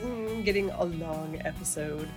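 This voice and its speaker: A woman's voice: sits low, measured pace, music in the background. A woman hosting a podcast, chatting casually and informally to her listeners. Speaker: podcast host. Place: quiet, slightly echoey rental townhome room.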